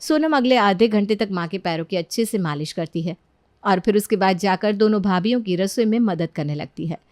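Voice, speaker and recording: A woman narrating a cartoon story in calm, scripted storytelling. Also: mid-range voice, a little fast, no echo.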